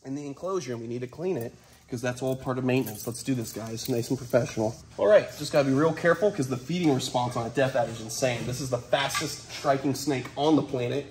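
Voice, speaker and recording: A young man with a medium-pitched voice presents animals in an excitable, playful vlog style. He swings between hushed, admiring murmurs and loud exclamations. The camera picks him up in a large indoor room with faint background noise. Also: fast talker, roomy sound. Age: young adult. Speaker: wildlife host, reptile keeper. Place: large indoor reptile room with concrete floor.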